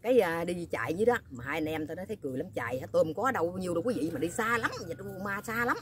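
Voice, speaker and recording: A woman chats straight to her viewers, rattling off a rambling story at a quick clip. Her voice sits a bit low, and she keeps breaking in with asides to the audience. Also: expressive, a bit bright. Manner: rambling, chatty, keeps asking viewers "you know what?". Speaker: vlogger.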